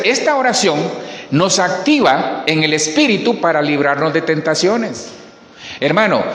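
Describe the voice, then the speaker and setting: Preacher, animated, emphatic, higher voice, roomy church sound. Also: male voice. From Colombia. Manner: preaching emphatically, repeating words and addressing the congregation. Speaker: pastor. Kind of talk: sermon. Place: church hall. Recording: echoey hall.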